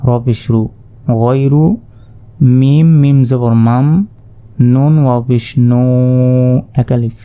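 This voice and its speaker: Guy teaching quran reading, really slow, spells letters one by one and stretches the sounds out. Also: medium pitch, fairly even intonation, mellow, clear, resonant tone, lo-fi sound. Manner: spells out letters and vowel marks one by one, then recites them slowly and drawn out; patient, repeats and asks himself questions. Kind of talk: step-by-step lesson.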